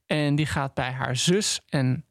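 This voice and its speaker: A man retelling a novel's plot on a studio podcast, halting and restarting often. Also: medium pitch, vocal fry, no room sound. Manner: halting, full of restarts and ums. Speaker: podcast co-host. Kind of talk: casual book discussion. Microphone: studio microphone.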